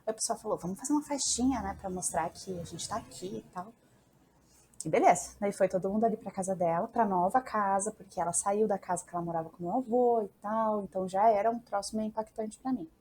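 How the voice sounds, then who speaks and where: A woman's voice: medium pitch, quick pace, mellow, a little hiss or hum. A woman, a psychologist guest on a podcast, candidly telling a personal story and quoting what she and her family said. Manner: candid, quotes her younger self and family.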